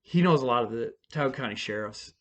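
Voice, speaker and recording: Telling a crude story at his own expense, a middle-aged man with a medium-pitched voice talks at a quick pace. He wanders with fillers and restarts and sometimes breaks into excited shouting.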